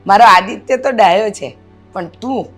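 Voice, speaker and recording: A woman's voice: medium pitch, normal speed, a bit bright, faint music behind, lightly acted. A woman acting an elder sister in a family drama, teasing and affectionate with her brothers.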